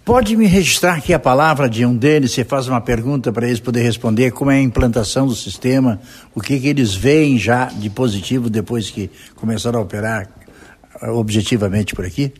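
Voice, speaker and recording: A man's voice: mid-range voice, fairly quick, slightly rough. A Brazilian man working as a reporter, asking direct, sometimes jokey questions on site. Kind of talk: on-site news interview questions. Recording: echoey hall.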